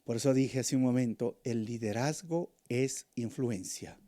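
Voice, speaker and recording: A man preaching a Bible study sermon, swinging between loud emphatic bursts and hushed low phrases, calling listeners brothers. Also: a little slow. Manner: addresses listeners as brothers, acts out crowd shouts. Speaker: pastor.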